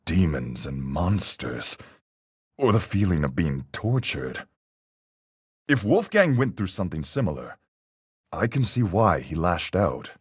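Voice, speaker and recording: Thoughtful and explanatory, this seafaring detective-game character lays out a deliberate argument about a murder in folksy sailor talk. The full character voice is deep and husky, swinging freely in pitch, captured in a dry, close recording.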